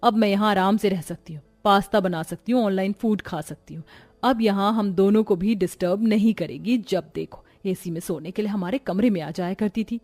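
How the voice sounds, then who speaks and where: A woman's voice: brisk, darkish tone, natural voice. A woman voicing a fed-up young housewife in a cartoon, grumbling and exasperated. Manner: grumbling and exasperated, pitched lower. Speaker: daughter-in-law character. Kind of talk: cartoon voice acting.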